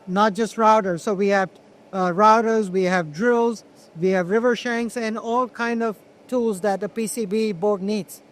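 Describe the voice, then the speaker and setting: A man being interviewed as a manufacturer, explaining products conversationally in a halting way, with repeated words. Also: high-pitched, fairly even intonation. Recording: clear ambient noise on location.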